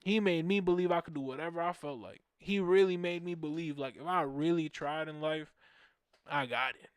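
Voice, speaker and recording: A young man in his twenties from Orlando hosts a fan show and spins animated, slang-heavy stories, hammering his points home by repeating them. His voice sits a little high for a man and rings smooth and clear. The sound is dry and close, with no room echo. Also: moderate pace. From Orlando, Florida, USA. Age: 20s. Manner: animated, slangy, repetitive emphatic phrasing. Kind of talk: casual storytelling.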